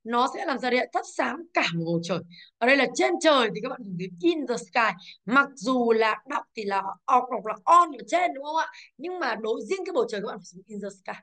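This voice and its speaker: Slightly high-voiced woman teaching English. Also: animated, fairly quick, fairly bright tone. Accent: Vietnamese-accented English. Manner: explains step by step, checks with "đúng không ạ". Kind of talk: classroom exercise review.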